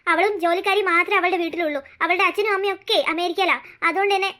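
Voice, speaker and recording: A woman's voice: very high-pitched, steady tone, racing, bright, forceful tone. A woman voicing a caring teenage older sister in a cartoon, reassuring her younger sibling. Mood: sad. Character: earnest teenage girl, protective older sister. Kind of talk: cartoon voice acting.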